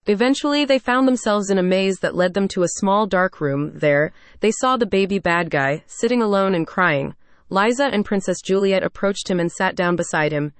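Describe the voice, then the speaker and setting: A woman's voice: mid-range voice, normal speed, dry recording. Woman reading a children's story. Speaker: narrator. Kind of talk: scripted children's story narration.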